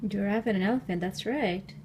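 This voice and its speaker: A woman's voice: mid-range voice, a little fast, very noisy. Encouraging woman quizzing a toddler. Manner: coaxing quiz questions and gentle praise. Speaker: parent. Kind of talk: reading picture books with a toddler.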